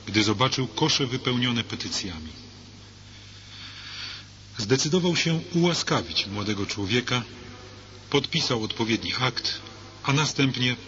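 Man, earnest measured reading, bright forceful voice, dull lo-fi, faint hiss. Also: on the low side. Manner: earnest, measured, addresses the listener directly. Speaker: reader of a religious book. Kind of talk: scripted narration with preaching.

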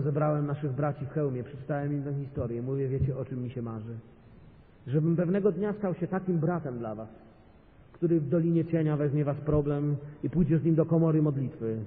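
A man preaching a sermon as a guest pastor, speaking with passion and building to loud, emphatic peaks. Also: mid-range voice. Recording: tinny phone-like sound in a reverberant hall.

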